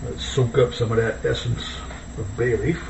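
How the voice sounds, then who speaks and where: Male home cook, easygoing casual chat, distant mic with clear background noise. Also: medium pitch, fairly even intonation, moderate pace. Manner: easygoing, thinking aloud. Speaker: home cook hosting a cooking video. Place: indoors, kitchen. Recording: distant mic, dull, echoey, noisy room.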